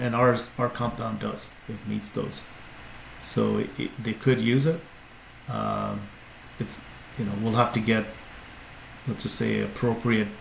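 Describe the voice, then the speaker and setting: This CEO's voice is on the low side and creaky as he chats informally as a podcast guest. He goes into long explanations, full of fillers and false starts. Slight background noise and faint ambience sit in an echoey room.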